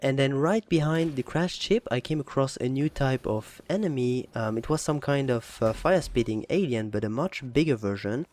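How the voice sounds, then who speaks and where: A young man casually commenting over his own gameplay footage as a gaming channel host, relaxed and hesitant, with many fillers and restarts. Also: medium pitch, normal speed, hardly any pauses.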